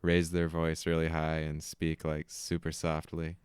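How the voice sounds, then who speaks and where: A man's voice: very deep voice, completely flat delivery, a little slow, clear, resonant tone, no room sound. A man co-hosting a casual movie review chat, laid-back with dry jokes. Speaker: podcast co-host.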